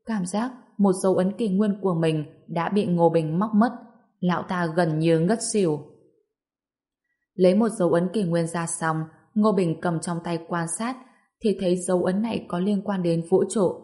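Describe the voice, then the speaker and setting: A woman narrating an audiobook as storyteller, reading in an even, steady way. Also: fairly low pitch, normal speed.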